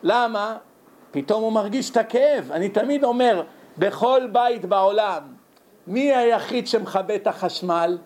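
A man's voice: sits high, slight background noise. A man giving a religious lesson as a sermon, telling stories animatedly and acting out characters. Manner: animated storytelling, acts out characters. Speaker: religious teacher.

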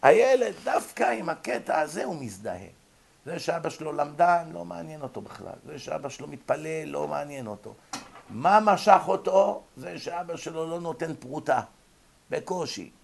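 Guy giving a religious psych lecture, gravelly voice, keeps asking the room if they get it. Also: a little high, expressive. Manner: explains with rhetorical questions to the audience.

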